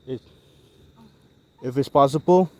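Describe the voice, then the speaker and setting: A man recording a casual ghost-hunting vlog outdoors, speaking to spirits in halting, coaxing questions. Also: a little mellow, highs cut off. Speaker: paranormal vlogger. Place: outdoors by railroad tracks at night. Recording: noisy outdoor recording with vehicle rumble.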